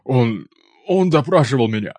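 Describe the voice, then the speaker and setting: A man's voice: mid-range voice, animated, moderate pace, darkish tone, no room sound, clean studio sound, natural voice. A man voicing a frightened captured orc warrior who stammers and trembles as he speaks. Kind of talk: audiobook character voice.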